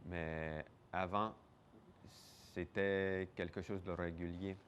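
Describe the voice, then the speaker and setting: A man's voice: low voice, flat delivery, takes it slowly, a bit bright, muffled recording, a little hiss or hum. A man giving hesitant, explanatory answers in a casual interview. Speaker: museum interviewee.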